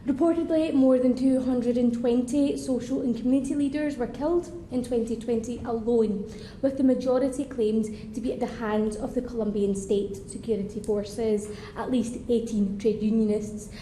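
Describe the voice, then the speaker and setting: A woman with a thick Scottish accent delivers a formal speech in a debating chamber. Her voice sits a little high but sounds dark and mellow. The room is echoey, with a faint hum underneath. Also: steady tone, normal speed. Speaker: member of parliament.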